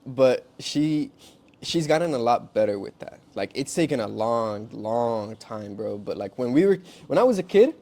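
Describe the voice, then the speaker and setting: A man's voice: medium pitch, expressive, moderate pace, mellow. A man co-hosting a podcast in casual chat, candid and swearing freely, slipping Spanish phrases into his English. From Mexican-American family from Durango. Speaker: podcast co-host.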